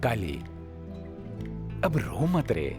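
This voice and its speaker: A man dubbing a stern working-class father in a film, gruff and scolding. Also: medium pitch, wildly swooping pitch, drawn-out words, full character voice. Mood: softened. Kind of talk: Hindi film dub. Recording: film dub with reverb and music.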